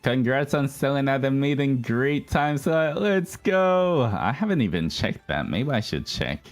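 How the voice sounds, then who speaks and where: Very animated yet unhurried, a man with a mid-range voice hosts a livestream as a virtual streamer. He rambles casually to his viewers, addressing them as guys, with background music behind him.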